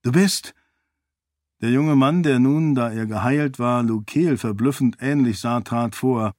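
A man narrating a fantasy novel in an even, measured storytelling voice. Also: medium pitch, no echo, clean studio sound. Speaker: audiobook narrator. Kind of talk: scripted fantasy audiobook narration.

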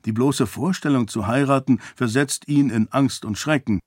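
A man's voice: medium pitch, moderate pace, a little mellow, breathy edge, no echo, studio quality, natural voice. Man reading a shrewd, wry man. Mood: thoughtful.

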